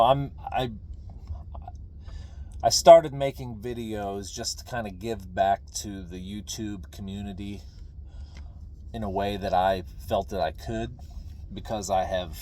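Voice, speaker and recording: A middle-aged man with a fairly low voice speaks off the cuff in a folksy, opinionated way. He pauses and repeats himself to press a point, over faint background noise. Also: darkish tone. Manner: folksy, opinionated, halting with repeated phrases for emphasis. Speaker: video creator, veteran pipe smoker. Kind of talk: casual rambling talk to camera.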